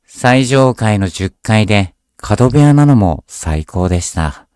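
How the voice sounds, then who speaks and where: A man reading a scripted horror story aloud as a narrator, in a measured, deliberate storytelling delivery. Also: fairly low pitch, expressive, a little mellow, clean tone, no echo, clean studio sound.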